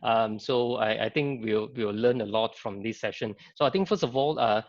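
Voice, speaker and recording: A man's voice: fairly low pitch, moderate pace. A man moderating a live online panel, hesitant with many fillers. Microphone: video call. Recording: dry, dull lo-fi video call audio.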